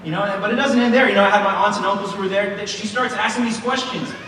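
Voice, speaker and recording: A man's voice: sits high, steady tone, fast talker, bright, forceful tone, distant mic, a little hiss or hum. Man in his thirties preaching in an echoey hall. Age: 30s. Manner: personal storytelling, many fillers and restarts. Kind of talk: sermon. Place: large church hall.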